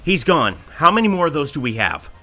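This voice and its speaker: A woman's voice: low-pitched, big pitch swings, a little fast, over music. A woman playing a wry, sweary survivor sidekick, incredulous and sarcastic, in an audio drama. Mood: worried. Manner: sarcastic, exclamatory.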